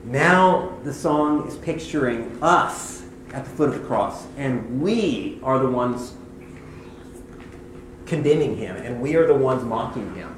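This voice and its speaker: A man giving devotional teaching on hymn lyrics. He talks in a conversational way and reads scripture slowly. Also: medium pitch, expressive. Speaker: Bible teacher. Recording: echoey room, faint background noise.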